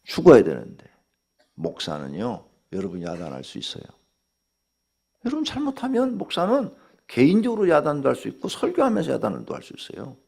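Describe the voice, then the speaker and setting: An older male pastor delivers a dawn sermon in a blunt, scolding way, acting out bits of dialogue. His voice is gravelly and a little husky. His pitch swings hugely, from low murmurs up to sharp, high bursts. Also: wildly swooping pitch, a little fast.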